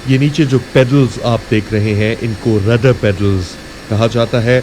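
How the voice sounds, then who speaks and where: A man with a Pakistani accent explains a flight simulator in casual tutorial narration, weaving radio phraseology into his instructions. He has a mid-range voice and a moderate pace. The recording is rough, with steady clear hum and noise behind him.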